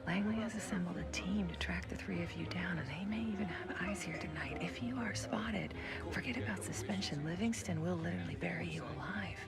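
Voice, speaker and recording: A woman acting an anxious intelligence insider in a video game cutscene, giving warnings in an urgent hush. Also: fairly low pitch, fairly quick, natural voice. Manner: hushed, whispering urgently. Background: loud music.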